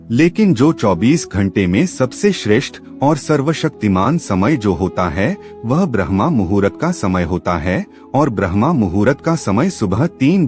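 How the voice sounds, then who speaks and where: A man giving scripted devotional voice-over, earnestly instructing listeners and calling them friends. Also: on the low side. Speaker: spiritual channel narrator.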